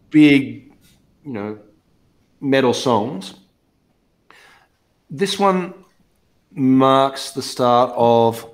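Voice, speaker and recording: A man hosting a casual album review, talking through each track in a measured, explanatory way and steering the discussion. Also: medium pitch. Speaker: podcast host reviewing an album. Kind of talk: casual music review chat.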